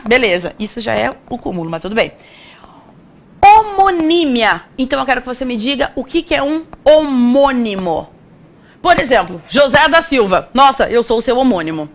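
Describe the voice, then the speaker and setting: Brazilian woman, high voice, chatty playful grammar teacher who asks and answers her own questions. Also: fairly bright tone. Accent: Brazilian Portuguese. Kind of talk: exam-prep classroom lecture.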